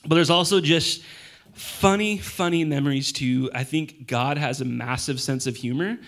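A man in his thirties speaks as a pastor looking back on his work. His voice is hoarse and worn, as if it has nearly given out. He talks casually and haltingly at a church service, with a self-deprecating, informal touch. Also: on the high side, a bit bright. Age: 30s.

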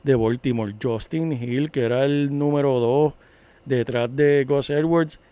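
A man's voice: mid-range voice, steady tone, measured pace, dark tone, clean tone, no room sound. A man holds a mid-range voice as he rattles through player updates. His talk is loose and casual, the way a co-host chats with a friend, and laughter creeps in often. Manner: laughing, chatty, news-reporting. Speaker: podcast co-host.

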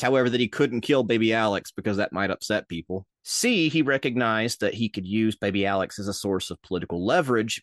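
A young man with a Minnesotan accent, hosting a casual history podcast as a lively storyteller with jokey asides. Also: lowish voice, dry recording, clean studio sound. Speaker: podcast host.

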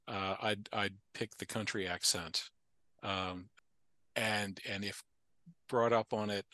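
A man's voice: fairly low pitch, pushed and bright, no echo. A man from the Appalachian United States, a podcast guest talking casually, thoughtful and digressive with frequent restarts. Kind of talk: casual conversation.

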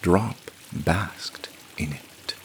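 A man narrating a scripted fantasy story in a measured, expressive reading. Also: deep voice, husky.

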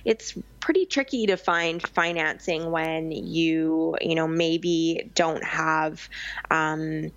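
This young woman, an interview guest from Vancouver Island, Canada, chats about her business with plenty of ums and false starts. She speaks slowly in a deep voice. The audio is dry with no room sound, and the high frequencies are cut off.

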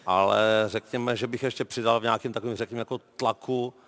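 A man on a sports panel, talking in a relaxed, jokey way. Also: mid-range voice. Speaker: panel guest. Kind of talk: casual studio debate.

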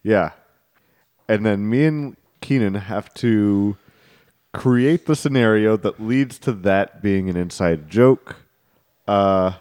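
A man's voice: on the low side, takes it slowly, darkish tone. A man hosting a comedy improv game in casual, playful, jokey banter.

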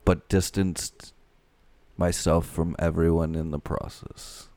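A grim, middle-aged oil baron, played by a man, tells how he rose, slow and solemn. The voice sits very low and sounds close and dry, with no room around it. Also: flat delivery, darkish tone, no echo. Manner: slow, measured, solemn first-person monologue. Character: grim male oil tycoon recounting his rise, middle-aged.

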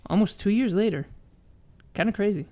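A young man with a fairly high voice and a lot of vocal fry co-hosts a podcast. He speaks informally, as in a casual conversation about films. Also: brisk, mellow. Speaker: podcast co-host. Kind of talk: casual film chat.

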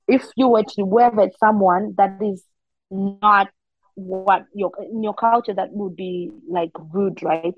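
A young woman from Zimbabwe, a humanitarian worker, telling her story as an interview guest in animated, casual conversation. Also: lowish voice, no room sound, lo-fi sound. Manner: animated storytelling with frequent laughs and quoted asides.

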